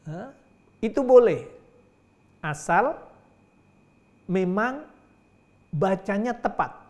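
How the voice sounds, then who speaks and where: A man's voice: high-pitched, animated, drawn-out words. A middle-aged man giving a lecture on teaching Quran reading, patiently drilling syllables aloud and praising as he demonstrates.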